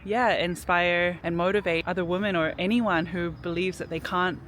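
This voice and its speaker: A woman's voice: lowish voice, fairly even intonation, normal speed, a bit bright, slight background noise. Chatty New woman vlogging outdoors. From New Zealand. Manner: reflective, chatty, frequent "like" fillers. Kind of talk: casual personal storytelling. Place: outdoors in a city park.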